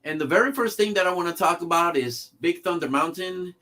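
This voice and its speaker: A man's voice: high voice, a little fast, sharp tone. A man hosting a casual livestream about theme park news, talking loosely with many fillers and restarts. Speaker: livestream host.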